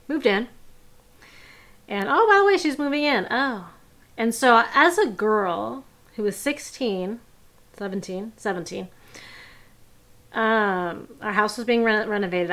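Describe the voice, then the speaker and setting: A woman's voice: medium pitch, fairly bright tone. A young adult woman casually recounting personal stories as a podcast host, with frequent fillers and little laughs. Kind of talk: personal storytelling.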